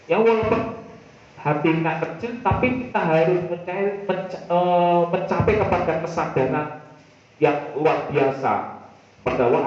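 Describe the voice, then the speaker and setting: A man preaches in a fairly high voice, talking to his listeners and repeating his points for emphasis. The sound is dull and muffled and rings heavily around a large echoey hall. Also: darkish tone. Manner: addresses the listener as "Pak", repeats phrases for emphasis. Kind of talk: Islamic study sermon.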